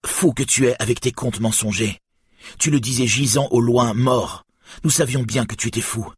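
Man playing a mocking storybook crowd, raised husky voice. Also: mid-range voice, fairly even intonation, normal speed, no echo, studio quality, voice pushed up. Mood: jeering. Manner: mocking, shouting. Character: jeering angry village crowd.

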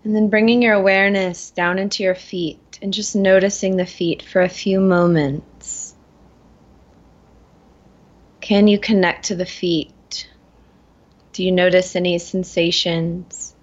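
A woman leading a guided meditation in a gentle, soothing manner, slowly and with long pauses. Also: fairly low pitch, steady tone, lo-fi sound. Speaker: guest guiding a meditation.

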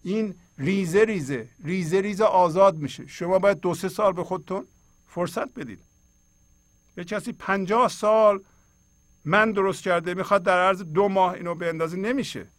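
A middle-aged man gives a spiritual lesson, reading lines of poetry and explaining them in plain everyday speech. His voice sits a little high for a man. He urges his listeners directly and earnestly, and the sound is close and dry, with no room echo. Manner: earnest, exhorting, speaks straight to listeners; colloquial, reads and explains verses. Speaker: host.

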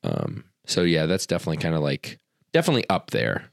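Deep-voiced man, casual podcast chat. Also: sing-song, fast talker, vocal fry, noisy background. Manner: rambling, many fillers and restarts. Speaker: podcast co-host; fitness coach.

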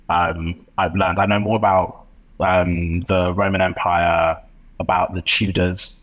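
Low, husky-voiced man. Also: a bit bright, low-quality recording. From West London, England. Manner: reflective, impassioned, talks in long rambling runs with restarts. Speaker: podcast guest, entrepreneur. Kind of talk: casual interview chat.

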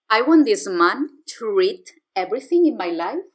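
Woman, podcast co-host, casual chat, playful, giggly, very lively pitch. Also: a little slow. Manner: giggly, playful, laughs often.

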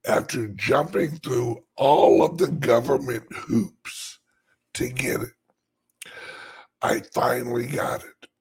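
A man with a dry, scratchy voice like a smoker's rasp, chatting casually and haltingly to his viewers in a rambling way. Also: mid-range voice. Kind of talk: casual live chat.

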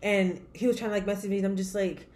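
A woman's voice: mid-range voice, steady tone, fast, a little mellow. A woman co-hosting a podcast in casual chat, chatty and full of "like" and restarts. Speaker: podcast co-host.

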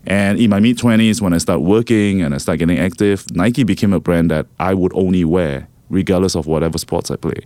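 Low-voiced middle-aged man from Singapore. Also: brisk, few pauses, dark tone, dry recording. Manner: reflective, repeats words when thinking. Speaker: podcast guest. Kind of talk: casual interview.

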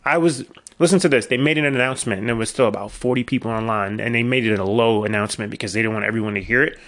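Talking very fast in a lowish, fairly bright voice, a middle-aged podcast host delivers a casual solo monologue. He rambles through long stories with wry asides, and his voice shows some wear from a recent illness.

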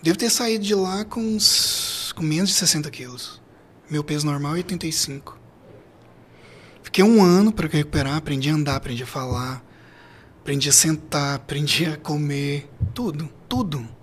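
A middle-aged Brazilian man with a hoarse, gravelly voice, telling a personal story as an interview guest in a halting, emphatically repetitive way. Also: a little high, a bit bright. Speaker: podcast guest.

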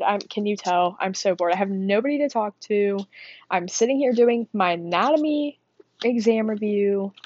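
A woman's voice: medium pitch, a little mellow, highs cut off. A teenage girl rambling casually about school and her day. She is a little winded, fills her talk with "um" and "like", and pokes fun at herself. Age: teens. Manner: rambling, chatty, self-deprecating with frequent fillers. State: winded, out of breath. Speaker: student vlogger.

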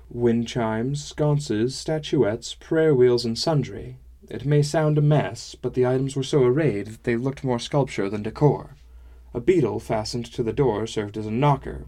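A man narrating a fantasy book chapter in the first person, measured and descriptive. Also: fairly low pitch, a little mellow. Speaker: audiobook narrator.

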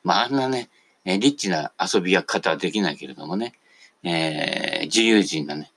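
A man's voice: sits low, expressive, normal speed, vocal fry, fairly bright tone. A man hosting a casual radio talk monologue, chatty and digressive, tagging the ends of his phrases. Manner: digressive, jumps between topics.

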